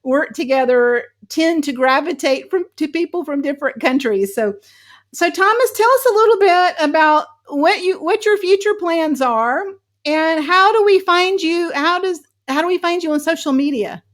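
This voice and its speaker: A woman's voice: very high voice, lively intonation, moderate pace. A woman hosting an interview, chatty and upbeat as she asks questions. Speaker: host. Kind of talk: casual interview chat.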